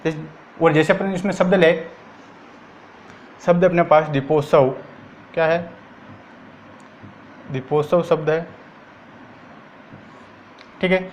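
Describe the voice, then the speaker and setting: A man's voice: fairly high pitch, a little hiss or hum. A man teaching a grammar lesson for exam prep, asking and answering his own questions.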